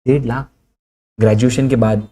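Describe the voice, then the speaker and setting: A man who teaches through animated, streetwise stories and mixes in English phrases. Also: mid-range voice, normal speed. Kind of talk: storytelling lecture.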